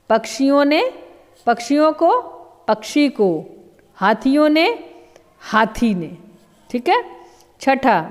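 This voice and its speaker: Female teacher, slow patient delivery, higher voice, long reverb as if in a hall. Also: a little mellow. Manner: slow, patient, explaining with many examples. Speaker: Hindi teacher. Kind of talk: recorded grammar lesson.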